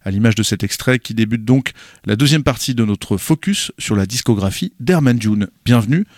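A man's voice: mid-range voice, expressive, normal speed, no room sound, clean studio sound. A man hosting a radio show, introducing the program in a scripted delivery. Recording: music playing behind the voice.

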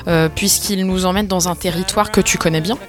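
A woman asking interview questions, pausing with fillers as she searches for words. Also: fairly low pitch, steady tone, faint music behind.

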